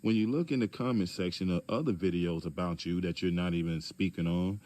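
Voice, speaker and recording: Brief: man, low voice, measured and pointed, AAE features, calls someone out directly. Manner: calm but pointed, rhetorical questions. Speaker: commentator addressing a public figure. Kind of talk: direct-address video commentary.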